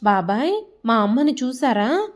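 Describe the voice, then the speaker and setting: A woman's voice: a little high, very animated, measured pace. A woman storyteller voicing a worried adult son, anxious and urgent. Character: worried adult son searching for his mother.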